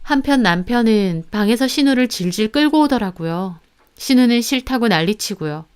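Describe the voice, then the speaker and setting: A woman narrating a first-person story in a slightly high, smooth, clear voice. She sounds indignant and confiding as she recounts what happened to her. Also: expressive, normal speed.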